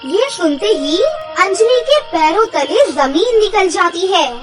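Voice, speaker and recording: A woman narrating a children's fairy tale in a slow, clear storybook manner, with music behind her. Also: very high-pitched, expressive. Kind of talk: scripted narration. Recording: background music.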